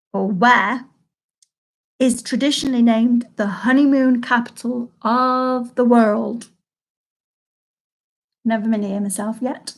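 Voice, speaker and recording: Hosting a live quiz stream from home, a woman from Salford, England, speaks in a voice pitched slightly high. Between questions she chats easily, and she reads each question slowly before repeating it for the players.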